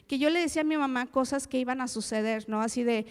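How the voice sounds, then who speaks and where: A woman's voice: high voice, fast talker, clear, resonant tone. A woman preaching a sermon in a conversational way, often asking her listeners direct questions. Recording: long reverb of a large hall.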